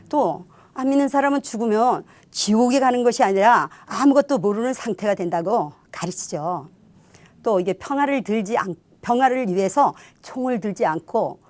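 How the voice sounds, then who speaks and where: A woman's voice: mid-range voice, darkish tone, dry recording. Earnest middle-aged woman giving a testimony. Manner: earnest, reflective storytelling. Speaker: testimony speaker. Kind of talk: church testimony.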